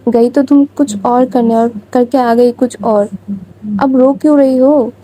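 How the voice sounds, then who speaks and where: A woman's voice: fairly high pitch, fairly even intonation, a little slow, mellow, rough recording. A woman voicing a blunt young woman who nags and scolds her best friend with impatient questions, in a storytelling reading. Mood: scolding.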